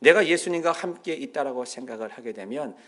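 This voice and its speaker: A man of medium pitch, speaking a little fast, delivers a sermon as pastor in a church sanctuary. He animates his stories by voicing the people who appear in them.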